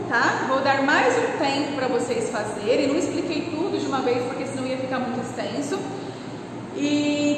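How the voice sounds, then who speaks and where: A high-voiced woman in her thirties with a Brazilian Portuguese accent teaches young children. She goes through the material patiently, step by step. She is picked up by a camera across an echoey classroom, with a long reverb tail and a clear background hum. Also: recorded from a distance. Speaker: primary school teacher. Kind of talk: online class lesson. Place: classroom with chalkboard. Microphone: camera across the room.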